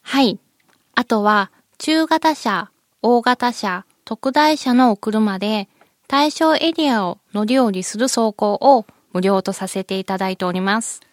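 A woman with a fairly high, cute anime-girl voice speaks as a company spokesperson. She explains things in a polite, prepared way in an interview, recorded dry and close. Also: a little slow, no echo. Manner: cutesy anime-style "moe" voice, polite.

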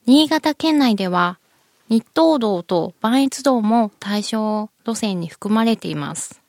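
A woman with a fairly high, cute anime-girl voice speaks as a company spokesperson. She explains things in a polite, prepared way in an interview, recorded dry and close. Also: expressive, takes it slowly, a little mellow, dry recording. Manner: cutesy anime-style "moe" voice, polite.

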